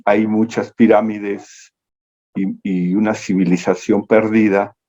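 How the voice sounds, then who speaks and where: Slow, gravelly man lecturing. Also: lowish voice, mellow. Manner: meandering, self-correcting storytelling. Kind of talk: esoteric lecture over a video call. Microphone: video call. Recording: dull lo-fi video-call audio.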